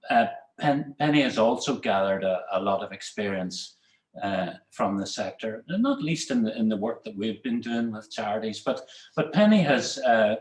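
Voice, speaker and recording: A man hosting a business webinar, talking in a halting way and often restarting and repeating words. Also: fairly low pitch. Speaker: webinar host. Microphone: webinar call. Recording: roomy echoey sound.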